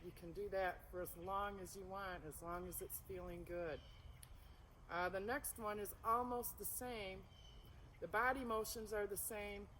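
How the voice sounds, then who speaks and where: A woman instructor giving calm, soothing tai chi cues in short, unhurried phrases that guide movement and breath. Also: mid-range voice, slight background noise, rough recording.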